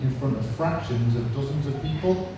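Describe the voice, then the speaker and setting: A man in his thirties from England, speaking with a Manchester accent, does a stand-up set full of punchy, crude jokes. His voice is mid-range and a little fast. He's recorded from far off in a noisy, echoey pub room.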